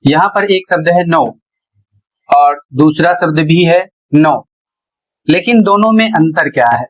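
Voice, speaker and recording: A man teaching a classroom lesson, explaining slowly and spelling words out letter by letter. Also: a little high, poor audio. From India. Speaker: English teacher.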